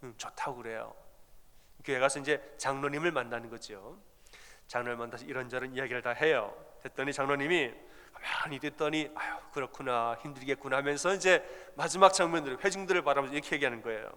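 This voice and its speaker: A male pastor preaching a sermon, telling a story in an animated way and acting out the people in it. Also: mid-range voice, fast talker, in a large hall.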